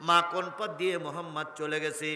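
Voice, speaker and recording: High, forceful preacher chanting. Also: male voice, level tone, fairly quick, big-room sound. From Bangladesh. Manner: sing-song chanting that rises to shouting, calls on the crowd to answer. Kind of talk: chanted waz sermon to a crowd.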